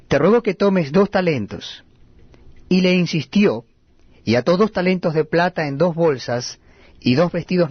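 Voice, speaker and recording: Man, Bible reading, steady measured cadence, slightly high voice, dull lo-fi sound. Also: no echo. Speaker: Bible reader. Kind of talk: scripture reading aloud.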